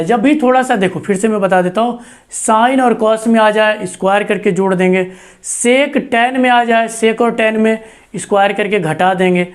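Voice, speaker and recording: High-voiced male math teacher. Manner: patient, repeats checks like "see" and "okay". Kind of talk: step-by-step classroom explanation.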